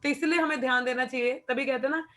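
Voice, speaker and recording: A young woman leads an informal spiritual class, explaining things patiently and mixing in English phrases. Her voice sits fairly high. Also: steady tone, fast. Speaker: devotional class speaker.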